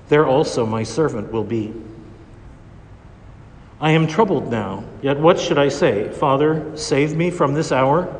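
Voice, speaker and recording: A man, a priest, reading the gospel and preaching a homily in a measured, deliberate way, his voice carrying the long echo of a large church. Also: mid-range voice. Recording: reverberant church recording.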